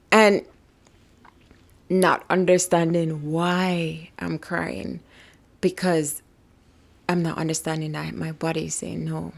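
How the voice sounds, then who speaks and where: A woman's voice: lowish voice, gravelly. A young woman giving a casual self-help talk to camera, emphatic and repetitive, sometimes dropping to a whisper. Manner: emphatic, repetitive, drops to a whisper when voicing the body. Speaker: vlogger.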